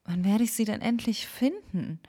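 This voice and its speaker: A woman's voice: a little high, expressive, moderate pace, dark tone, voice pushed up. A woman voicing a lost young woman in a storybook, wondering and plaintive. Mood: wondering, weary. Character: lost, weary young woman wandering a forest.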